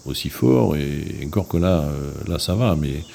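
A man's voice: a bass voice, animated, gravelly, warm tone. A man in his sixties from Marseille with a strong Marseille accent, speaking thoughtfully and hesitantly about keeping his accent. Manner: thoughtful, hesitant with many pauses. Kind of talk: reflective interview testimony. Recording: noisy background.

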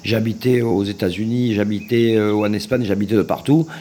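A man's voice: fairly low pitch, normal speed, warm tone, a little hiss or hum. A man with a Marseille accent explaining, a bit hesitantly, how southern accents differ. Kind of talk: reflective interview testimony. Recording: music playing behind.

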